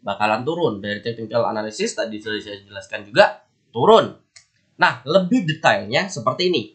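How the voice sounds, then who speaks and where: This forex host, nasal and stuffy from a cold, gives relaxed market commentary to the camera, chatting, repeating himself and dropping friendly asides to his audience. His mid-range voice moves briskly, with lively intonation and a fairly bright tone.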